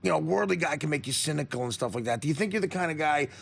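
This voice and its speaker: Casting: gravelly talk-show host, man, animated delivery, halting rambling questions, studio. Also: fairly high pitch. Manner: rambling, stammering questions, laughs often. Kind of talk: casual interview chat. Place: radio studio.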